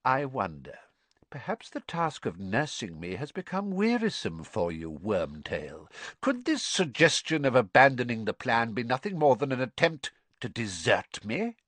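A man voicing a cold, menacing, frail dark lord in an audiobook, with a breathy, hissing, soft delivery full of contempt. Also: medium pitch, wildly swooping pitch, unhurried, dry recording, heavily acted. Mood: accusing. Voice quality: breathy, hissing near-whisper.

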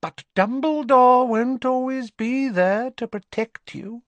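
A man voicing a cold, haughty aristocratic mother who speaks with quiet menace. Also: very high-pitched, slow pace, no echo, dull audio, pitched above the performer's own voice, heavily acted. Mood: icy.

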